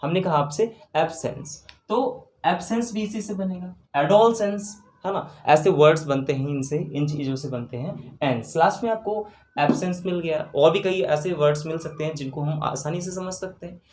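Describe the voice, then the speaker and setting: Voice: medium pitch, moderate pace, darkish tone. Teacher spelling words letter by letter. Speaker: English grammar teacher. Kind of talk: exam-prep grammar lecture. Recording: roomy room with faint background noise.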